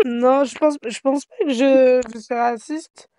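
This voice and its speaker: A young woman hosting a casual group chat over an online call, her voice a touch high and sitting close and dry on the mic. She talks in a loose, chatty way and often cuts in on the others. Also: steady tone, mellow, smooth, dry recording. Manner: chatty, quick to interject. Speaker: podcast host.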